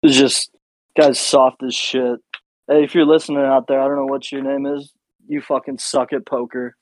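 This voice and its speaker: A man co-hosting a casual podcast, spinning a long story in a cocky, rambling, profane way. His voice sits at a middle pitch and sounds dry and close to the mic. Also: little pitch movement, moderate pace, dry recording, rough recording. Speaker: podcast co-host.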